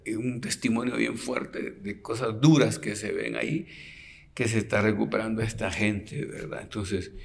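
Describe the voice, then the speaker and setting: A man's voice: fairly low pitch, creaky. A man who is a priest, giving a retreat sermon as a storyteller. He often adds a questioning "¿verdad?" and drops to a near whisper at touching moments. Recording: long reverb of a large hall.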